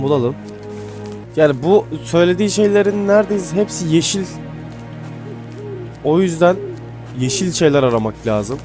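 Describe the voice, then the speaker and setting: A man giving casual gameplay commentary, excitable and swearing casually, then dropping to mumbling asides. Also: medium pitch. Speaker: gaming YouTuber. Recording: faint music behind.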